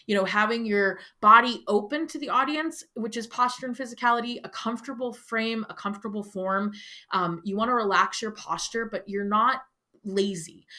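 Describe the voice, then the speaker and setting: A woman's voice: mid-range voice, sharp tone. A woman teacher giving a firm, instructive lecture to her students. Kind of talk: classroom lecture.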